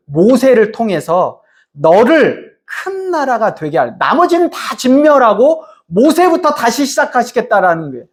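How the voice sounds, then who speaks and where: A preacher giving a sermon, reading scripture aloud and questioning the congregation. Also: mid-range voice. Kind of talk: sermon, Bible teaching.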